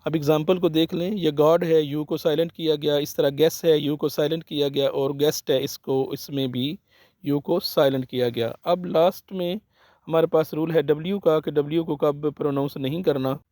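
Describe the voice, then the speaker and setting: A man's voice: on the high side, steady tone, normal speed, warm tone, no echo. A man teaching English pronunciation rules, spelling out the letters one at a time in a methodical way.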